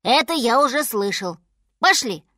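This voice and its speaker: Woman as a lively, bossy bear cub boy, bright and bouncy. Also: fairly high pitch, a little slow, no echo, clean studio sound, pitched above the performer's own voice. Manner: mocking, bossy.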